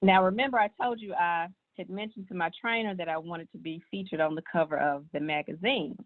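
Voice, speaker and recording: A woman's voice: fairly low pitch, a little fast. A woman, earnestly sharing her personal health story in casual talk. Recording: tinny, phone-like sound.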